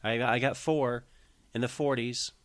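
A man's voice: medium pitch, steady tone, a little slow, dry recording. A man co-hosting a podcast, arguing casually and laughing often. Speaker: podcast co-host. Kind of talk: casual chat.

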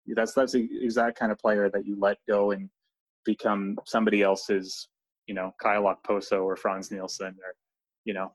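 A man's voice: fairly low pitch, no echo, poor audio. A man talking hockey as a podcast guest, loose and chatty, full of fillers and restarts. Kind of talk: casual podcast chat.

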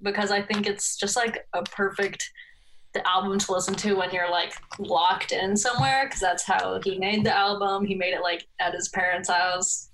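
A woman's voice: medium pitch, moderate pace, slight background noise, rough recording. Laid-back young woman, rambling with fillers. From California. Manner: relaxed, rambling, laughs often, filler-heavy. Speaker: podcast guest. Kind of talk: casual interview chat.

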